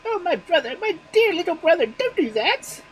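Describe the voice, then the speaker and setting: A man voicing an anxious mother magpie in a storybook reading, with a high, quavering, imploring voice. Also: expressive, fairly quick, fairly bright tone, slight background noise, poor audio. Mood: pleading.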